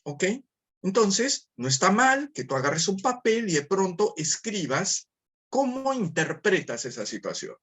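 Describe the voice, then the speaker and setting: A man's voice: high voice, big pitch swings, unhurried, fairly bright tone, slightly rough. A man with a Peruvian Spanish accent giving a formative lecture, talking in a didactic way, repeating himself and asking rhetorical questions.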